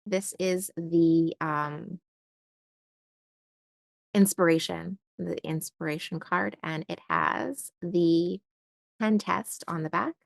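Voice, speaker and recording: A woman's voice: lowish voice, fairly even intonation, slow pace, gravelly, long pauses, no echo. A young woman chatting casually while unboxing stationery and thinking aloud with lots of fillers. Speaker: stationery vlogger.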